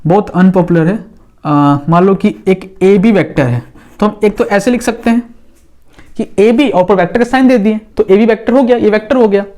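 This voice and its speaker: A man's voice: high voice, normal speed, a little mellow. A man teaching a physics lesson in a casual, patient way, drawing on a board as he talks and often checking that the class follows.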